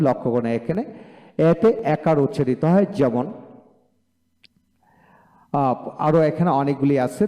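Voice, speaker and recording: A man teaching English pronunciation, slowly saying each word twice and spelling out its letters. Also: mid-range voice, dark tone. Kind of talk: phonics lesson, slow repeated drilling. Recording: long hall reverb.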